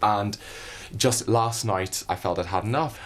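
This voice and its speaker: Deep-voiced man, earnest and aggrieved. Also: a little slow, slight background noise. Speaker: reality show contestant. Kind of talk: confessional to camera.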